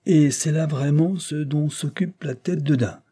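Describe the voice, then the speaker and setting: A man doing a calm, courteous lawyer. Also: on the high side, a little slow, pitched above the performer's own voice. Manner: cool and courteous. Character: composed male lawyer, good-humoured and calm.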